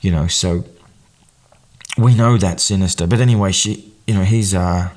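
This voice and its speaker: Casting note: male podcast host, lowish voice, loose rambling film chat full of ums and restarts. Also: darkish tone. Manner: rambling, many fillers and restarts, quick bursts of amused emphasis. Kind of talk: casual film commentary.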